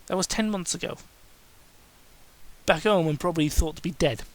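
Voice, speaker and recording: At normal speed and medium pitch, a host reads fan fiction aloud for laughs. The delivery is dramatic, mocking and exasperated, with stumbles over the writing and sarcastic interruptions.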